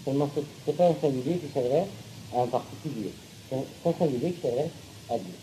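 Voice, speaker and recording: Dark-voiced man teaching a class. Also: mid-range voice, lively intonation, fast talker, slight background noise, poor audio. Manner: checks on listeners often; hesitant, with fillers and repeated words. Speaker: teacher of Hebrew and Torah. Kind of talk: classroom lecture.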